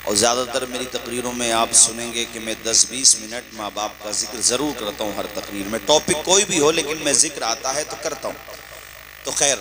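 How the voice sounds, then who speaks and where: A man's voice: medium pitch, rough recording. Impassioned preacher man before a crowd. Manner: rises into loud impassioned calls, prompts audience responses. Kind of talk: sermon. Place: gathering with a live audience.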